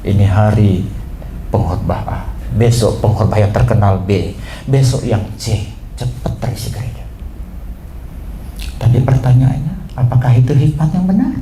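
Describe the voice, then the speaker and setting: A man preaching a sermon as pastor, swinging from low asides to high emphatic outbursts. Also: normal speed, long pauses, dark tone. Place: church. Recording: echoey church hall, faint room noise.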